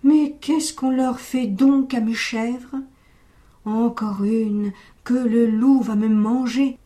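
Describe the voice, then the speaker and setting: A woman voicing a worried, kindly old male goat farmer in a storybook reading, pleading and exclaiming loudly. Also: a little high, steady tone, slow pace. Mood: alarmed.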